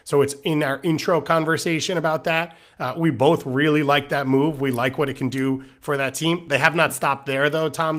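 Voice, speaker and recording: A man's voice: on the high side, a bit bright. Teasing man co-hosting a sports chat. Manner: teasing, conversational. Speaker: podcast co-host.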